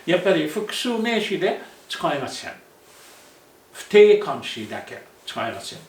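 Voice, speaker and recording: A man with a fairly high voice teaches at a deliberately slow pace, going over each phrase several times and correcting himself as he goes. He sounds set back from the microphone in an echoey room. His first language is Arabic. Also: very animated. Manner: repeats phrases slowly with self-corrections. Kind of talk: slow, repetitive language lesson, mixing English and Japanese. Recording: echoey room, voice far from the mic.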